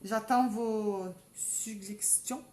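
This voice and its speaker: A woman's voice: a little high, steady tone, extremely slow, dark tone. Woman, southern French accent, live makeup tutorial, chatty, talks straight to viewers, echoey room. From south of France. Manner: chatty, keeps calling out to viewers. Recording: roomy echo, faint background ambience.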